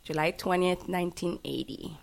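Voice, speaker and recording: A woman's voice: on the low side, fairly even intonation, moderate pace, vocal fry. A woman in her thirties from Venezuela, bantering easily as a radio co-host. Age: 30s. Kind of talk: casual talk radio banter.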